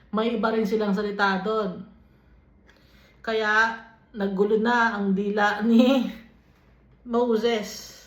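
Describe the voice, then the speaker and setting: Female Bible teacher with a Filipino accent, measured and unhurried delivery, lo-fi room recording. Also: mid-range voice. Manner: unhurried, mixes English and Tagalog, reads scripture aloud then paraphrases. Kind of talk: Bible study teaching, reading verses then explaining. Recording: dull, lo-fi recording in an echoey room.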